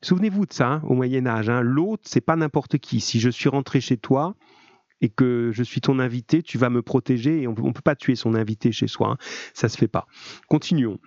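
A man's voice: mid-range voice, moderate pace, a little mellow, dry recording. Man, French accent, teacher, reading aloud and explaining, chatty asides, muffled audio, dry close sound. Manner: chatty, interjects with frequent 'hein', reads aloud and comments. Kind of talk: online class lesson, reading aloud and explaining.

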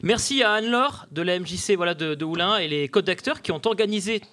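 A man's voice: high-pitched, expressive, fast talker, sharp tone. A man hosting a podcast interview on stage, thanking guests with hesitant, filler-heavy speech. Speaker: podcast host. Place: theatre stage with live audience.

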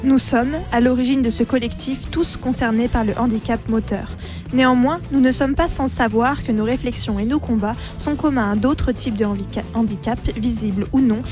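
Woman reading a manifesto over music. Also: fairly high pitch.

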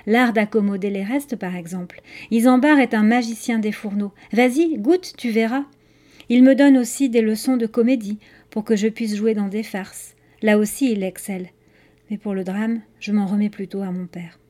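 A woman voicing a friendly young boy in a storybook reading, talking eagerly and asking quick questions. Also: medium pitch, mellow, close to an everyday voice.

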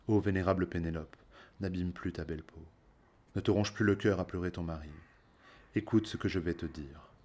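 A man voicing a disguised older king who speaks slowly and solemnly in formal phrases. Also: low voice, darkish tone. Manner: slow, solemn, formal speech.

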